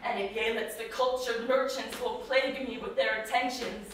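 A woman acting a distraught, wistful young actress on stage, drifting between hushed and sudden outbursts, taped from far in an echoey theater. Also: fairly high pitch, fairly even intonation, moderate pace, slight background noise, lightly acted. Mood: sorrowful. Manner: dreamy, wandering, drifting between hush and outburst. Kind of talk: stage play performance. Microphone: distant room mic.

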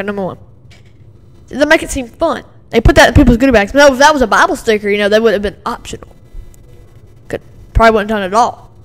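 A woman giving a casual, agitated reaction commentary from home, rambling with many fillers and repeats. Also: fairly high pitch. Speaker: video commentator. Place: home with a dog and a TV in the background.

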